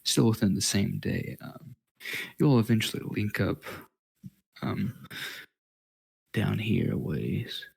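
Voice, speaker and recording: A man runs a tabletop game as its game master. His low voice is thick with creak and rather husky, and he improvises scene narration in a casual way. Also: slow pace, pauses often, darkish tone.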